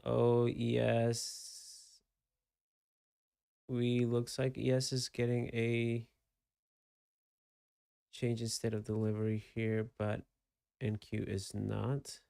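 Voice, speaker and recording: A man's voice: mid-range voice, completely flat delivery, takes it slowly, vocal fry, long pauses, warm tone, smooth, no echo, studio quality. A man hosting a live trading stream from a desk microphone and webcam, thinking aloud about the market in an easygoing, chatty way. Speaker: livestream trading host. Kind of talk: casual live market commentary.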